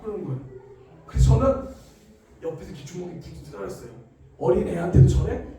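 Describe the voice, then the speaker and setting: A man's voice: high-pitched, quick pace, gravelly, warm tone. A man giving an emotional testimony in church, telling his story dramatically and acting out the voices in it. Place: church hall. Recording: echoey room, far from mic.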